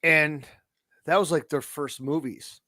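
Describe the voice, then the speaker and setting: A man co-hosting a podcast, chatting crudely and excitably about a movie and laughing often. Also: fairly high pitch, measured pace, no room sound. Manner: profane, excitable, laughs a lot. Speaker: podcast co-host. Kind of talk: crude casual chat.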